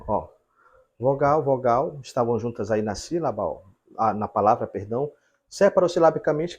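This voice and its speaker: A man's voice: mid-range voice, darkish tone, slightly rough. A man teaching a grammar lesson at a whiteboard, explaining step by step and checking in with the viewers.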